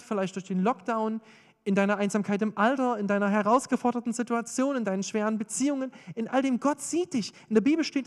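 A man preaching a sermon, swinging between urgent emphasis and hushed intensity. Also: very high voice. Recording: long reverb of a hall.

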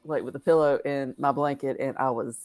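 A woman's voice: a bass voice, fairly even intonation, brisk, darkish tone. A woman co-hosting a casual podcast, rambling with lots of "you know" and "um". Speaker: podcast co-host.

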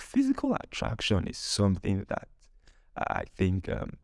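With a very low, darkish voice full of gravelly creak, this man hosts a podcast, spinning casual, humorous stories. Now and then he acts out bits of dialogue. He's recorded close and dry, with no room sound.

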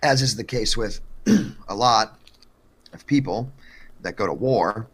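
A man's voice: lowish voice, expressive, slow, a bit bright, breathy edge. A man co-hosting a podcast, telling a true-crime story in a joking, profane, casual way. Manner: joking, profane, lots of fillers.

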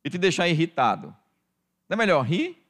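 A middle-aged man with a Brazilian Portuguese accent, preaching a sermon as pastor, calling the congregation "dear" over and over and swinging from hushed to loud. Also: a little high, very animated, fairly quick. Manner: addresses the congregation as "querido" constantly, swings from quiet to loud.

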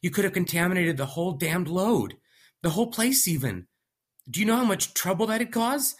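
A man's voice: high voice, lively intonation, normal speed, husky, voice pushed up. A man voicing a frantic young lab worker, stammering. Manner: panicky, stammering, cursing.

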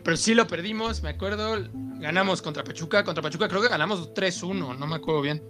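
A young man with a Mexican accent chatting casually and reminiscing with a friend in a slangy, animated storytelling manner. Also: high-pitched, fast, music in the background.

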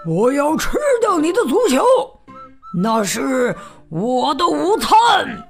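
A woman voicing a rude, hungry male elephant in a storybook, loud and bossy. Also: sits high, very animated, takes it slowly, gravelly, soft background music, full character voice.

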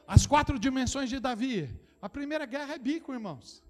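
This middle-aged pastor from São Paulo preaches with passion, his Brazilian Portuguese accent clear as he shifts from quiet, intimate asides to shouted declarations. He repeats phrases directly to the congregation. His male voice is expressive and a little fast.

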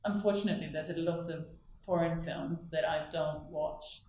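A woman from northern Norway with a Norwegian accent is an artist guest in a casual interview chat, rambling, correcting herself and laughing often. Her low, mellow voice keeps a steady tone at normal speed, and the recording is very echoey with a little hiss or hum.

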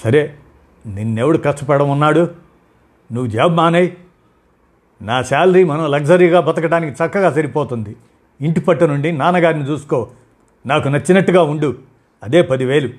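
A man's voice: a little high, a little fast, darkish tone, pitched above the performer's own voice, lightly acted. A man voicing a stubborn young husband who snaps back bitterly and reproachfully. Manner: reproachful, snapping.

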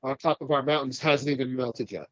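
Casual podcast chat comes from a California co-host who sounds congested, wanders off topic, swears, and laughs often. He speaks fairly quickly in a mid-range voice, recorded dry with the highs cut off.

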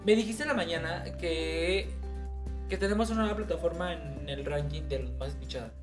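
A man's voice: fairly high pitch, a little fast, soft background music. A man with a Mexican accent co-hosting a podcast in casual chat, telling stories in a teasing way and acting out screams. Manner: lively storytelling, teasing, acts out screams. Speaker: podcast co-host.

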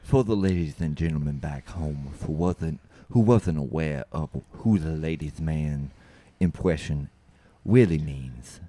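A man voicing a smooth, deep-voiced male lounge announcer with a slow crooning delivery. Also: dark tone.

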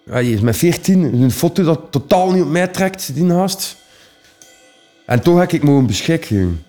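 A young man with a Flemish accent tells personal stories in a loose, rambling, streetwise way, dotted with fillers. His voice is dark and mellow, with faint music underneath. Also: on the high side, big pitch swings, normal speed. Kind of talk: casual personal storytelling.

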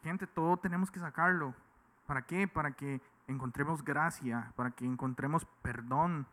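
A man, speaking a little higher than most men, with a bright, forceful tone. He exhorts his listeners earnestly, the way a preacher would, in an easygoing faith conversation. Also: moderate pace. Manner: earnest, exhorting, mimics others in quotes. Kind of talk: casual faith talk, preaching tone.

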